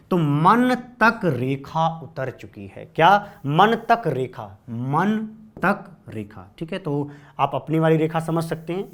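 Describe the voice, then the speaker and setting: Playful man teaching chemistry tricks. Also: a little high. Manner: playful, repeats and quizzes students. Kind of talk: exam-prep lecture with mnemonics.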